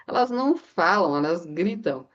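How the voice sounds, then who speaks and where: A woman's voice: mid-range voice, highs cut off. A woman in a casual book club discussion, rambling through anecdotes with frequent filler tags. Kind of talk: casual chat.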